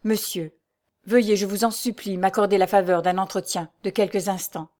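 A woman's voice: medium pitch, fairly even intonation, normal speed, darkish tone, close to an everyday voice. A woman reading the part of a young nobleman, ardent and pleading, pressing with urgent questions.

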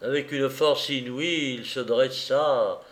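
A man narrating a novel in a measured, expressive storytelling voice. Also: mid-range voice. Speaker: audiobook narrator.

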